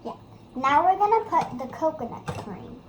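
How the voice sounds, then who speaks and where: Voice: high voice, sing-song, normal speed. A child helping to present a casual cooking demonstration in a home kitchen. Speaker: cooking video co-host. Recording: noisy kitchen with pot clatter.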